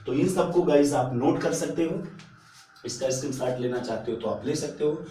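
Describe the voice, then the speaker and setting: A man's voice: medium pitch, normal speed, warm tone, a little hiss or hum. A male teacher giving an exam-prep spelling lesson, repeating each word and asking and answering his own questions. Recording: echoey room, mic at a distance.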